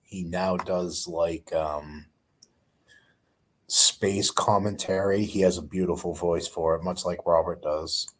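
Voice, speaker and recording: Man, casual live chat host, low voice, slow unhurried delivery, rambling with groans and fillers. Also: steady tone.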